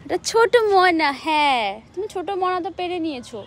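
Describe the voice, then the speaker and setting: A woman's voice: extremely high pitch, animated, quick pace, a bit bright. A young mother talking to her small child in a sing-song, coaxing way while filming outdoors in a rooftop garden. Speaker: mother and vlogger.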